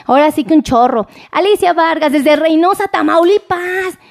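A Mexican woman doctor hosting a live stream, chatting warmly and greeting viewers by name. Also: very high voice, moderate pace, vocal fry. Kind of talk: casual live-stream chat reading viewer comments.

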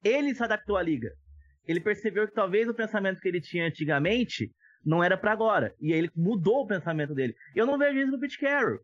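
A man's voice: sits high, expressive, fast, dry recording. A Brazilian man giving opinionated, casual sports analysis as a podcast commentator, on dull lo-fi audio.

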